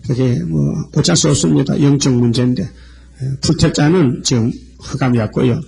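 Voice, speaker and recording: Male preacher, gravelly and a bit husky, slow verse-by-verse sermon delivery. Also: mid-range voice, dark tone. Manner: slow expository preaching, reading scripture verses then explaining them. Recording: old lo-fi church sermon tape.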